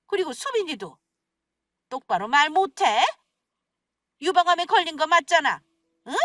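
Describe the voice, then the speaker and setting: Woman doing a shrill scolding mother-in-law. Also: very animated, moderate pace, fairly bright tone, no echo, studio quality, distant mic. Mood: furious. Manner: shrill, accusing, nagging. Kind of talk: scripted radio story acting.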